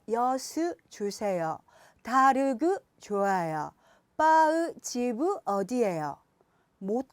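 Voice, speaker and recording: Lively, high-voiced woman teaching phonics. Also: no echo. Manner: patient, addresses viewers directly, slows down to sound out words. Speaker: English phonics teacher for parents. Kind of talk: explanatory lesson.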